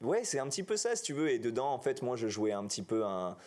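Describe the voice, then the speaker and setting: A man, talking casually as an actor guest, relaxed and full of fillers. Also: mid-range voice, quick pace. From New Caledonia. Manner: relaxed, chatty, many fillers like "si tu veux" and "quoi". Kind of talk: casual interview chat.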